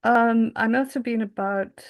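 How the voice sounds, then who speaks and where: A woman's voice: fairly high pitch, fairly even intonation, measured pace, dull audio. A woman from England, a guest in an interview, speaking reflectively and searching for her words. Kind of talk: conversational interview.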